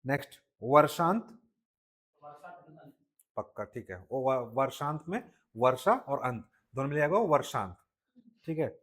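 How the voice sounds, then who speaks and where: A man teaching a Hindi grammar class with a Chhattisgarhi-tinged accent, checking in often with the class and spelling words out slowly. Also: medium pitch, animated, fairly bright tone. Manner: drills students with frequent "ठीक है" checks. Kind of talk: live classroom lesson.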